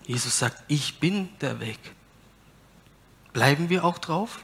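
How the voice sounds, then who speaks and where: Slow, bright-voiced man preaching. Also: on the high side, animated, vocal fry, breathy edge. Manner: emphatic, asks listeners rhetorical questions, reads scripture aloud. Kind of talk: sermon.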